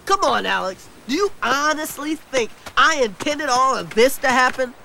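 An excitable, carefree cartoon animal, speaks in a very high, sharp voice. The delivery is slangy and upbeat, leaping around in pitch. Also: male voice, normal speed, creaky, slight background noise, exaggerated voice. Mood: pleading. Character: excitable, easygoing male zoo animal, carefree joker. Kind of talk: animated film comedy acting.

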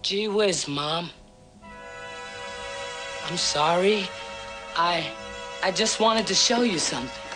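A man's voice: sits high, takes it slowly, long pauses, music in the background. A streetwise man in a film. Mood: coaxing. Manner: blunt, urgent, slangy. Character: rough, streetwise male tenant, pushy but able to coax.

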